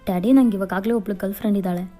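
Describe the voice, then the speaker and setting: A woman's voice: medium pitch, steady tone, rapid-fire, warm tone, soft background music, natural voice. A woman voicing an anxious young man who urgently worries about his missing girlfriend in a fan fiction voiceover. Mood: worried.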